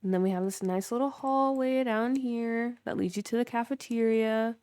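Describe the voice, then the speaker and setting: Smooth-voiced chatty woman streamer. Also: a little high, steady tone, normal speed, a little mellow, no room sound. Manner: chatty, filler-heavy, chats with viewers. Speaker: livestreamer. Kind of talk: casual livestream commentary while building in a game.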